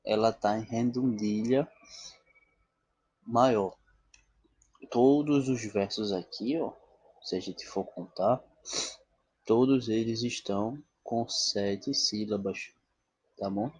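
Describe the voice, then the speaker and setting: Male teacher, slow deliberate lecture, low husky voice, dry close sound. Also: darkish tone, no echo. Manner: checks in often with "tá bom?" and "né?"; asks questions and answers them himself. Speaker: literature teacher. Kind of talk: classroom-style lecture.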